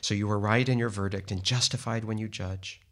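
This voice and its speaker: A man giving a steady, measured Bible reading, lightly voicing the people in the text. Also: on the low side. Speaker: scripture reader.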